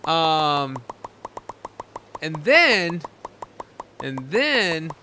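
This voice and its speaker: A man's voice: on the high side, very animated, very slow, sharp tone, slight background noise. A young man hosting a casual game let's-play, chatting in a rambling way full of fillers. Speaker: gaming channel host.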